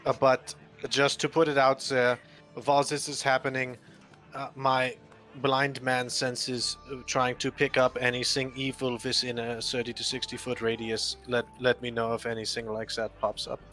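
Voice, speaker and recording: A man's voice: medium pitch, little pitch movement, normal speed, fairly bright tone, soft background music. A man playing a tabletop game, rambling and joking as he trips over his words. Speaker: player. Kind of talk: casual tabletop play.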